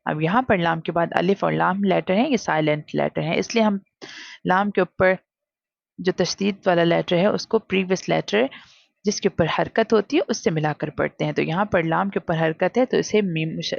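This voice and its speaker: A woman teaching Quran reading in a recorded lesson, drawing out each syllable slowly and then explaining quickly in mixed Hindi and English. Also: on the low side, gravelly, no echo, muffled recording. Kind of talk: recorded lesson, spelling out letters.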